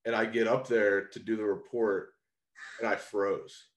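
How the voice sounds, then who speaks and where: A young man hosting a casual interview, rambling and relaxed with lots of fillers. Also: fairly low pitch, unhurried. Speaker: podcast host. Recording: roomy echo.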